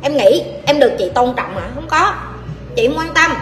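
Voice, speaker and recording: Blunt high-voiced Southern Vietnamese woman lecturing. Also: animated, moderate pace, over music. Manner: blunt, forceful, scolding lecture with coarse address. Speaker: life coach answering audience questions. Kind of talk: livestream Q&A advice talk. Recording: echoey hall with faint background noise.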